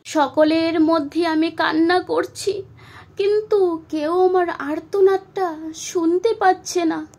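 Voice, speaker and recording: Woman performing a young woman's spirit: high voice, slow and pleading, tearful emotional monologue. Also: steady tone, darkish tone, full character voice. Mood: grieving. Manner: pleading, tearful, addressing her mother. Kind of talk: emotional first-person monologue.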